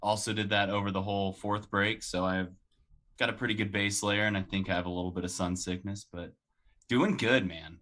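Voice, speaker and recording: A man's voice: lowish voice, fairly even intonation, fairly quick, fairly bright tone. A young man co-hosting a casual sports podcast, laid-back and joking. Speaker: podcast co-host.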